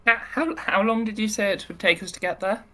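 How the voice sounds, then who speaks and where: A man's voice: high voice, fairly even intonation, fairly quick, bright, forceful tone. A man playing a tabletop role-playing game, bantering casually with dry, wry delivery.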